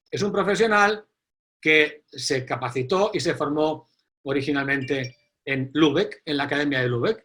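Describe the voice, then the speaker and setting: Animated man hosting online forum. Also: a little high. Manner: animated, emphatic, repeats key phrases. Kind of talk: live online event introduction.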